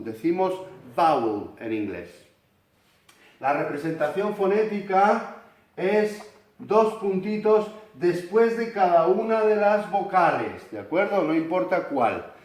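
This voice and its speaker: A man from Spain with a Spanish accent, explaining English pronunciation slowly and demonstrating long vowels. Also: fairly high pitch. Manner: slow, deliberate, stretches vowels to demonstrate. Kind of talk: explanatory video lesson. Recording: echoey room.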